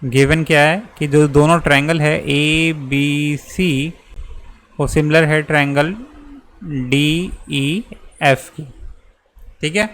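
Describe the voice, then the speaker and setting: A man's voice: fairly high pitch, steady tone, slow, pauses often, fairly bright tone. A young man, patiently walking students through a geometry proof step by step, often checking in as he goes. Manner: patient, repeats and checks with "theek hai". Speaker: maths teacher.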